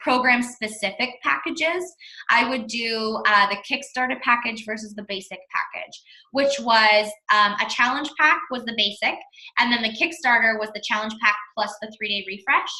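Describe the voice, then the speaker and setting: A woman with a bright, slightly high voice gives a casual coaching talk, blunt and emphatic, repeating words to drive a point home. She sounds like a fitness coach training her sales team. The room around her rings with echo. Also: normal speed. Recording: echoey room.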